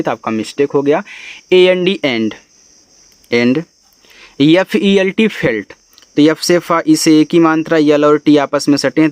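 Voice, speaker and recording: A man with a fairly high voice teaches a reading lesson, spelling out each word letter by letter and walking through it patiently. Crickets chirp faintly in the background. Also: a little mellow, no room sound. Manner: spells out words letter by letter and explains slowly. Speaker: English teacher. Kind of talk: spoken language lesson.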